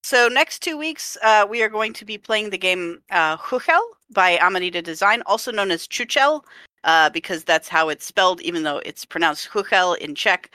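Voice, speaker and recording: A woman's voice: on the low side, moderate pace, few pauses, sharp tone, no echo, studio quality. A woman hosting a game podcast, chatting casually and laughing easily. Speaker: podcast host.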